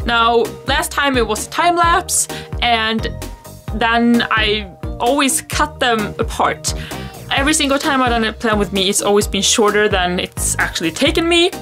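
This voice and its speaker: Here a planner vlogger, a young woman whose native tongue is Swedish, talks casually to camera at a normal pace with music playing behind her. Her fairly high voice is animated, and her chat wanders self-consciously, punctuated by frequent little laughs.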